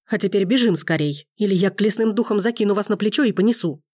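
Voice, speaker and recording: A woman's voice: medium pitch, fast, a little mellow, no echo, clean studio sound, lightly acted. A woman reading an audiobook, voicing a stern, commanding man who scolds a young woman. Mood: urgent. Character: gruff commanding man, rescuer in a storm.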